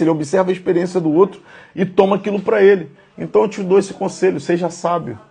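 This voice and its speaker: A man's voice: sits high, creaky, warm tone, husky. A man in his thirties giving a conversational, earnest devotional sermon, speaking directly to his listeners. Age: 30s. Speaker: preacher.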